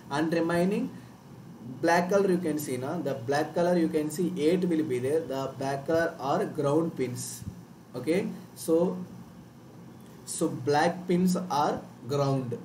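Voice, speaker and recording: Warm and on the high side, this man's voice carries a Telugu Indian accent from his South Indian roots as he tutors an online workshop over a live screen-share. He goes over points repeatedly and checks understanding with tag words; the recording is roomy, from a distant mic in an indoor room, with faint noise.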